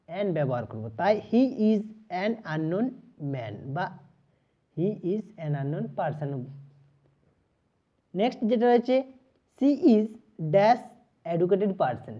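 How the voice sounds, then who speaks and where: Woman teaching grammar, slow patient explanations. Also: mid-range voice. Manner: explains step by step, spells letters and repeats pronunciations; slows to dictate example sentences. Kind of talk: exam-prep grammar lesson. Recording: slightly dull lo-fi audio.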